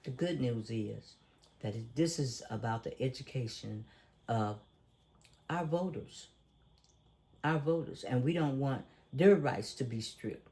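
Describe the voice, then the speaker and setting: A man's voice: medium pitch, a little slow, long pauses, dark tone. A man hosting a casual talk show, preachy and emphatic, who often asks leading questions. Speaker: podcast host. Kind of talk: casual conversational commentary.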